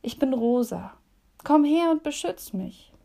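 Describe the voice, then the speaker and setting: Brief: woman reading a frightened little mouse, tearful and pleading, gravelly low-lit storybook voice. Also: animated, unhurried, mellow, heavily acted. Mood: small pleading. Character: small frightened female mouse.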